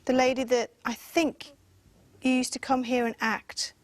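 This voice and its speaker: A woman leading a seance around a table in a dark room, slowly and insistently calling on spirits to make themselves known. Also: high-pitched, level tone, no room sound. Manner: slow, pleading, insistent.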